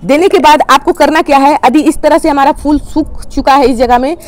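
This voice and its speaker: Woman, high voice, plain instructional host explaining garden care to viewers. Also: steady tone, fairly quick. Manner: plain step-by-step explaining, addresses viewers as friends. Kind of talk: instructional how-to talk.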